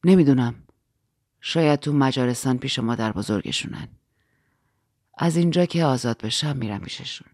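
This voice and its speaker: A woman voicing a courteous, melancholy male count in an audiobook, speaking low, slow and gently ironic. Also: dry recording, clean studio sound. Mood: wry, quiet.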